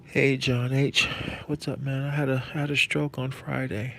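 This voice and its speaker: A man talks casually to his stream in a gravelly, creaky voice of average pitch. His speech is slightly thick, as if numb from the dentist, with a numb tongue and cheek after a stroke. He halts and repeats phrases over some background noise. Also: little pitch movement, normal speed, pushed and bright. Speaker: live-streaming host. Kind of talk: casual chat to viewers.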